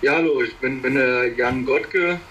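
Brief: man in his thirties, mid pitch, steady, filler-heavy union official. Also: measured pace, dull audio, slight background noise. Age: 30s.

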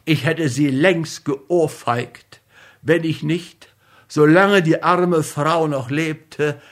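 Man voicing a stern storybook nobleman, sharp forceful tone, unhurried. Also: medium pitch, expressive. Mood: angry, firm. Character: proud nobleman defending a dead woman's honor.

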